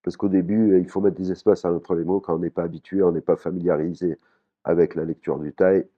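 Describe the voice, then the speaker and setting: Man, very deep voice, casual lesson, hesitant with restarts, muffled lo-fi sound. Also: fairly quick. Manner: relaxed, repeats words, many fillers and restarts. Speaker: Thai language teacher.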